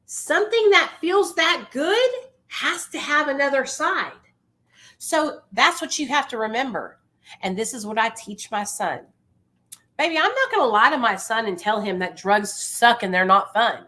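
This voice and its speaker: Bright, high-voiced woman, impassioned motivational talk. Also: expressive, a little slow. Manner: emphatic, insistent, repeats phrases for force; informal, familiar address. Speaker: livestream host speaking on addiction recovery.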